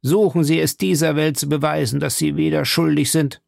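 A man's voice: a little high, animated, normal speed, vocal fry, a little mellow, breathy edge, no echo, clean studio sound, pitched above the performer's own voice, heavily acted. A man voicing a cruel, domineering male villain with a thundering, commanding delivery in a raised voice. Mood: menacing.

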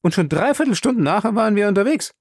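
A man voicing an excitable, talkative young French manservant in a storybook reading, proud and quick to take offence. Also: sits high, dry recording, studio quality, voice pushed up. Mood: chatty. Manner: chatty, proud, indignant.

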